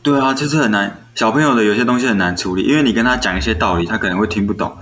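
Fast-talking young Taiwanese man, lowish voice. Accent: Taiwanese Mandarin. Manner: animated storyteller who acts out quoted dialogue. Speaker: elementary school teacher. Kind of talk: casual storytelling chat. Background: faint background music.

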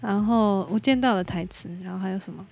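A Taiwanese-accented woman chats on her own podcast in a relaxed, unscripted way. Her voice is mellow and warm, sitting at a middle pitch. She speaks her mind frankly and slips English words into her talk. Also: brisk, creaky. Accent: Taiwanese Mandarin. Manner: candid and opinionated, drops in English words. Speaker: podcast host. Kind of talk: casual solo podcast chat.

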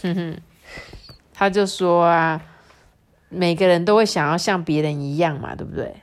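A woman reading a storybook aloud to her child in a gentle, lilting, teaching tone. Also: lowish voice, fairly even intonation, normal speed.

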